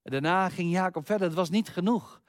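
Male preacher, earnest sermon, dramatic storytelling, uneven pace, high male voice, dry close sound. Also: dry recording. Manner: earnest storytelling, with slow pauses and sudden rushes.

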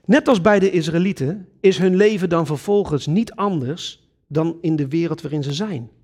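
A man's voice: fairly high pitch, normal speed. A man preaching a sermon, earnest and emphatic, addressing his congregation directly. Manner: earnest, lively preaching with sudden emphatic rises.

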